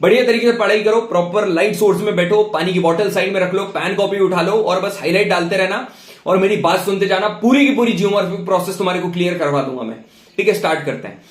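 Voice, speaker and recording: A man's voice: sits high, quick pace. A young male teacher gives an exam-prep lecture, switching between Hindi and English, repeating key terms and speaking straight to his students. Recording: roomy echo.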